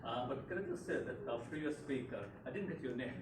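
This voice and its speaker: A middle-aged elected politician from Tanzania gives an unscripted speech at a community event, hesitant and full of fillers and restarts. He speaks at a medium pitch and a quick pace. The room is echoey, the mic is far off, and there's background noise.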